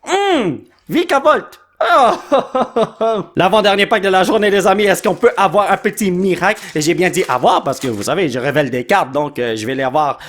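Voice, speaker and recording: Give me an excitable Québécois man whose high, lively voice leaps around as he tears open card packs at home and rattles off every card name. He teases his son between pulls in a casual, playful way. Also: normal speed. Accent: Québécois French. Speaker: YouTuber host. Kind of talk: card pack opening commentary.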